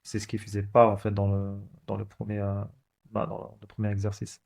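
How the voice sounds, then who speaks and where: A man's voice: on the low side, completely flat delivery, moderate pace, creaky, a little mellow. A man, casually thinking aloud as he walks through code, with many fillers and restarts. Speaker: coding channel host. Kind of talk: casual screen-recorded coding walkthrough.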